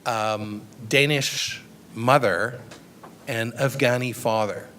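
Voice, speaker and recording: A man's voice: mid-range voice, steady tone, slow, pushed and bright, slight background noise. Man lecturing, thoughtful and hesitant. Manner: thoughtful, hesitant with fillers and restarts. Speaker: guest lecturer. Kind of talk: lecture Q&A answer. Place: lecture room.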